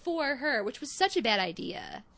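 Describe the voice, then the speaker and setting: Wry young Midwestern woman, bright voice. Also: sits high, moderate pace, creaky. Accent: Midwestern American. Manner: wry, animated storytelling. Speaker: podcast co-host. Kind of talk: casual recap chat.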